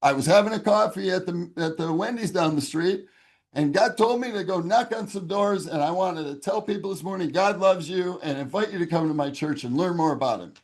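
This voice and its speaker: Picture a chirpy young churchgoing man, all eager friendliness, his voice lifted well above its usual register, as a man telling his story puts him on. He sounds happy and excited, and his words pour out warmly. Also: sits high, a little fast, pitched above the performer's own voice. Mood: cheerful.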